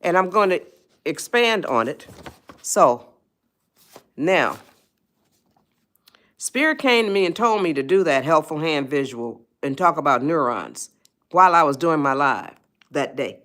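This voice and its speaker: A woman's voice: sits low, animated, measured pace, pauses often, fairly bright tone. A woman author giving a live-stream talk on parenting, emphatic and repetitive and often checking in with her viewers. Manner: speaks directly to viewers as a group.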